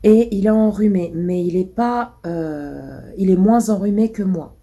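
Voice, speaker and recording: In a casual vlog, a sick woman with a warm, medium-pitched voice talks a little slowly. Blocked-nosed and coughing, she rambles and hesitates often.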